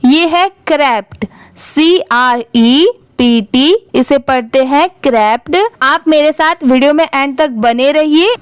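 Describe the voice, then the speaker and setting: A woman's voice: sits high, dry recording. A woman with an Indian accent, an English teacher giving a reading lesson, spelling words out letter by letter and asking the viewer questions.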